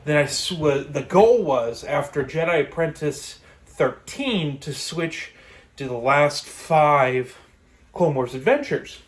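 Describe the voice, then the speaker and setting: A man's voice: fairly high pitch, animated, takes it slowly, slight background noise. A man giving a casual, rambling, opinionated solo vlog talk while exercising on a treadmill. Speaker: host of a book and comics review vlog.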